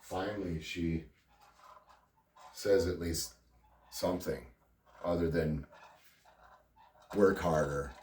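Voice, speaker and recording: A man's voice: low voice, slow pace, long pauses, a little mellow. A middle-aged man speaking candidly and at length about his life, rambling with wry laughs. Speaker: vlogger. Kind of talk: personal confessional monologue. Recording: roomy sound, distant from mic.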